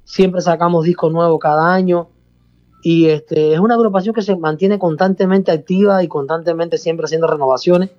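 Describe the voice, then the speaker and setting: Cuban bandleader, warm dull-toned voice. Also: male voice, a little high. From Cuba. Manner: expansive, repeats himself, calls host "hermano". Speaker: salsa bandleader guest. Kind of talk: casual radio interview.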